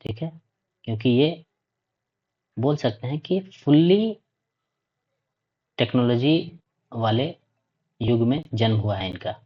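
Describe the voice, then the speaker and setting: A man's voice: mid-range voice, expressive, takes it slowly, pauses often, husky. A man teaching a lesson, reading points aloud and explaining them, often checking in with "okay". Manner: reads points aloud then explains, repeats 'ठीक है' often. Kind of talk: classroom lecture. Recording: dull lo-fi recording.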